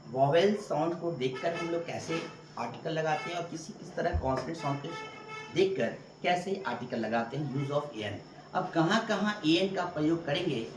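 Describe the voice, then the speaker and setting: Male teacher giving a patient board lesson; distant, echoey recording with steady noise. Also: on the high side. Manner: explains step by step, repeating "ठीक है". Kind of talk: classroom grammar lesson. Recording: echoey room, distant mic, clear background noise.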